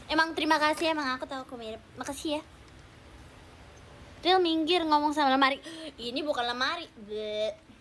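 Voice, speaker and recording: A woman's voice: sits high, a little fast, pauses often, fairly bright tone, a little hiss or hum. A teenage girl hosting a casual livestream chat with fans, playful and teasing, talking at home at night. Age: teens. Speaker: idol livestream host.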